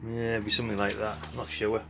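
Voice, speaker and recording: Against a noisy background, a middle-aged hobby video host talks fast in a lowish voice with vocal fry and a completely flat delivery. Sorting old parts, he rambles through chatty, blunt, unscripted commentary, adding mild swearing and tag questions.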